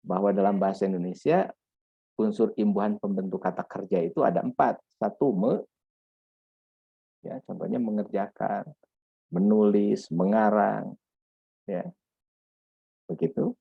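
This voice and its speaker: A man's voice: on the low side, measured pace, gravelly, pauses often, breathy edge, no room sound. A man lecturing on grammar in a patient, repetitive way, checking in with "ya" often. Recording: dull lo-fi dry recording.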